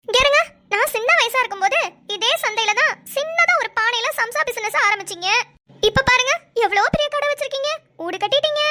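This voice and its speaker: A woman voicing a chatty, blunt young village girl in a cartoon, talking in a quick rural manner. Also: very high-pitched, sharp tone.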